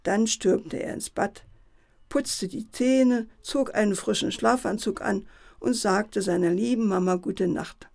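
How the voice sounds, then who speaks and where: Gravelly-voiced woman reading a bedtime story. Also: mid-range voice, measured pace. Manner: lively voicing of quoted characters.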